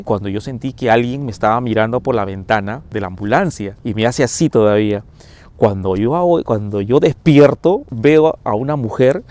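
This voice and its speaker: A man with a medium-pitched, slightly mellow voice tells his own ghost story on camera. He's a firefighter paramedic who acts out the scenes with sound effects and little asides.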